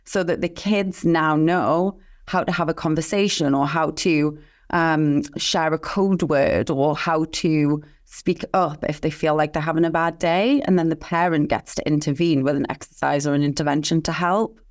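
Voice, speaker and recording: A woman with a low, steady voice speaks at normal speed as a guest expert in an open interview. With passion and earnestness she tells a personal story, speaking with conviction about mission and calling.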